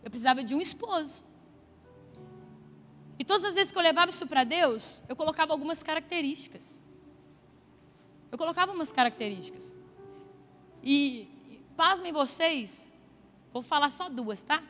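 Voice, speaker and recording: Brazilian woman preacher, high bright voice, chatty storytelling, long church reverb, soft music behind. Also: animated, normal speed, pauses often. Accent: Brazilian Portuguese. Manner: conversational storytelling with playful asides to the congregation. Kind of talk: sermon. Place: church sanctuary.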